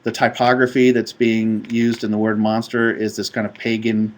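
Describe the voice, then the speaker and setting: A man's voice: fairly low pitch, normal speed. Male presenter, conference talk on design, laid-back delivery with many filler ums. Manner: relaxed with frequent ums.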